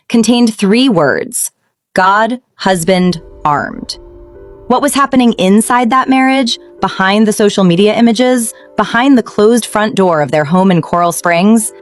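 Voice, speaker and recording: A woman narrating a true-crime story in a scripted, measured way, with dramatic pauses. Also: mid-range voice, lively intonation, soft background music. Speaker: documentary narrator.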